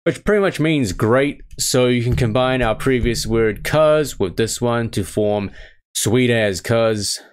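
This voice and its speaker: Guy doing a broad new zealand accent, like a slang course teacher, real slow and deliberate. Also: mid-range voice, clear, resonant tone, close to an everyday voice. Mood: mock instructive. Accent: put-on broad New Zealand. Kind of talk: mock language lesson.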